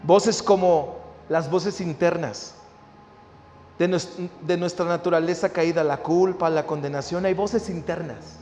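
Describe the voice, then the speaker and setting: A man's voice: a little high, steady tone, a little slow, darkish tone, soft background music. A male pastor preaching a sermon, building in intensity and often asking his listeners "¿verdad?". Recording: reverberant hall with faint ambience.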